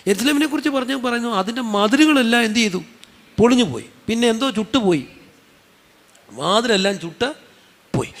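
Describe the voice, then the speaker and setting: A man's voice: very high-pitched, a bit bright, long reverb tail. A man with a Malayali accent preaching a sermon, putting questions to his listeners and answering them himself, with conversational, humorous asides.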